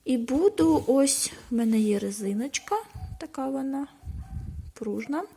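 A woman with a fairly high voice talks casually through her knitting project for a vlog. She sounds easygoing and a little unsure of how things will turn out. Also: lively intonation, unhurried, vocal fry, warm tone, breathy edge. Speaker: knitting vlogger.

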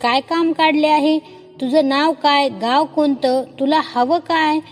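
A woman's voice: high voice, fairly even intonation, measured pace, long reverb tail, soft background music. A woman voicing an anxious young maid. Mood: fussing. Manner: questioning, pleading. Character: worried young maidservant.

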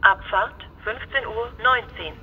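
A woman making a flat, formal platform announcement as a station announcer, in evenly segmented phrases. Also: fairly high pitch, slow. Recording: tinny phone-like band, hissy background noise.

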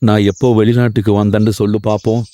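A man voicing a gentle older male migrant worker near sixty in a cartoon, talking in a consoling way. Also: fairly low pitch, little pitch movement, fast, pitched below the performer's own voice, natural voice. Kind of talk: Tamil cartoon voice acting.

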